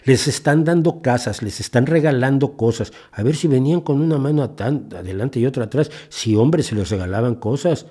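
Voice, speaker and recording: A man's voice: mid-range voice, brisk, few pauses, warm tone, husky. A man in his sixties from Mexico, hosting a podcast and delivering an indignant, impassioned opinion monologue with frequent restarts. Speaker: podcast host.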